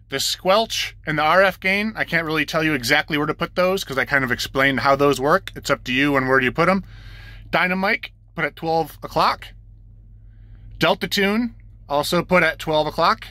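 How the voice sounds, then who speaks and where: Inside a truck cab, a man with a sharp, higher-pitched voice gives a tutorial with no echo in the sound. Casual and plain-spoken, he walks a beginner through things hands-on, repeating each instruction step by step like a trucker teaching the ropes.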